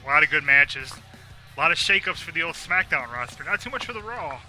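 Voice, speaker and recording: A man co-hosting a wrestling game stream, joking and swearing in loose commentary. His voice is very bright and a touch high. Faint game music plays underneath. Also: expressive, a little fast, rough recording. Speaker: co-host and player. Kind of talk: casual gaming commentary.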